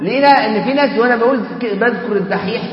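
High-voiced Egyptian preacher in echoing mosque. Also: male voice, very fast. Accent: Egyptian Arabic. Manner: animated, rhetorical questions, colloquial asides. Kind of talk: colloquial mosque sermon. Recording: echoey hall, dull lo-fi sound.

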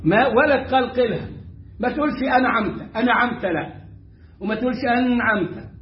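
High-voiced Egyptian man teaching recitation. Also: echoey room, lo-fi sound, slight background noise. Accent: Egyptian Arabic. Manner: demonstrates pronunciation by repeating words slowly, animated and emphatic. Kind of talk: Egyptian colloquial tajweed lesson.

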